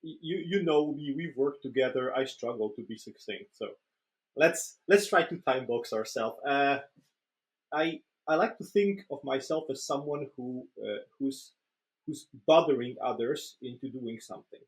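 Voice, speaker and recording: A Polish man whose first language is Polish, appearing as an interview guest and professional trainer, explains things conversationally while hesitating and repeating words. His mid-range voice moves at a moderate pace, and the audio quality is poor.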